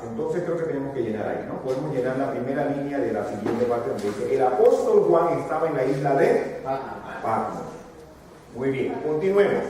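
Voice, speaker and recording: A man from Panama preaching a sermon, walking the audience through a fill-in worksheet and building to emphatic, drawn-out repetitions. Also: medium pitch, darkish tone, slight background noise. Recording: echoey hall from a distance.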